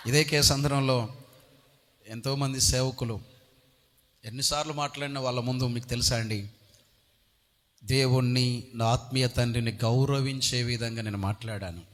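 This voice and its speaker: A man preaching a sermon as pastor, swinging from quiet talk to shouted appeals. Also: medium pitch, steady tone, normal speed, long pauses, big-room sound.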